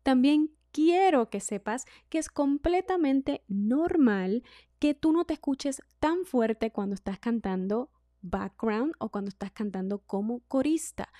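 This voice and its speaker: A woman vocal coach, giving a singing lesson in a clear, instructive way. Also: sits high, animated, unhurried, dry recording, studio quality. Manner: clear instructive delivery, demonstrates loud and whispered speech.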